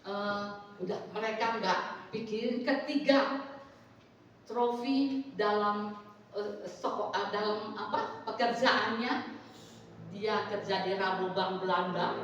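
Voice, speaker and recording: Woman, church testimony, earnest and emotional, unhurried; distant mic in a roomy hall. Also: mid-range voice, slight background noise. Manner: earnest, emotional storytelling with quoted advice. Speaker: church speaker giving testimony. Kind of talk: sermon testimony. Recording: echoey distant hall, muffled.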